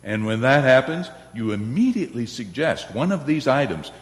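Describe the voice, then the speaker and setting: A man's voice: mid-range voice, sing-song, normal speed, natural voice. A man playing an effusive, officious department store manager in an old-time radio play. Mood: brisk, officious. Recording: echoey reverberant hall.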